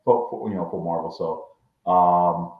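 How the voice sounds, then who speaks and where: A man's voice: low-pitched, steady tone, a little slow. A man co-hosting a casual review podcast, rambling with many fillers and restarts, his voice echoing off the room through a backup mic. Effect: echoey room sound from a backup mic. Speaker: podcast co-host reviewing a series. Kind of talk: casual chat. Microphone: backup mic after his main mic failed. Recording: echoey, dull lo-fi backup mic.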